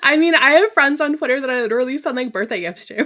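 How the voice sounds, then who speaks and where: A woman's voice: high voice, animated, fast talker, sharp tone. A woman hosting a podcast, chatting casually with a guest and laughing often. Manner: laughs often, short back-channel replies. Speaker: podcast host. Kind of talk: casual chat.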